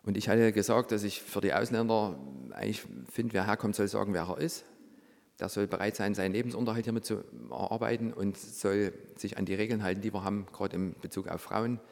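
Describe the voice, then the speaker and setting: A middle-aged man with a low voice tells his story with lively energy. He slips into a hushed tone whenever he acts out the dialogue. The sound carries a long, lingering reverb. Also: a little fast, creaky. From Saxony, Germany. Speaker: former reality show participant. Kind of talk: personal storytelling.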